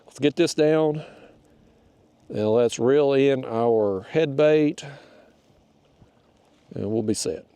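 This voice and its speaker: Out on a kayak on a river, a man hosting a kayak fishing channel narrates casually, chatting to his viewers and to the fish. A cold wind has left him stuffed-up and nasal. His mid-range voice is warm, clear and resonant, he takes it slowly with long pauses, and the recording is dry.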